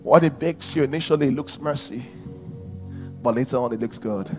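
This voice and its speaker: A pastor in his thirties with a Nigerian English accent, preaching a sermon on a large church stage and swinging from shouts to near whispers. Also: mid-range voice, brisk, faint music behind.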